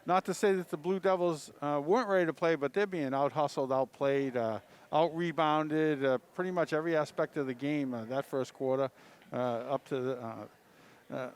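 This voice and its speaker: A man giving color commentary at a high school basketball game with a New England accent, rambling and full of "uh" fillers. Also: normal speed, clean tone.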